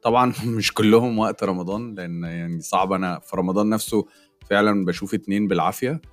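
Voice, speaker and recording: A man with an Egyptian Arabic accent chats casually on a podcast with a friend. He speaks briskly in a slightly low voice, dropping English phrases into his Arabic. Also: steady tone, soft background music. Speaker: podcast co-host. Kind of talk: casual chat between friends.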